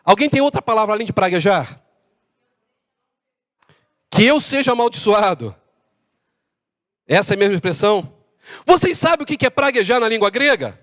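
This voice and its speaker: Brazilian male pastor, animated sermon, close dry voice with reverb tail of a large church. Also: high voice. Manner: animated preaching with acted-out dialogue. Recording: long hall reverb.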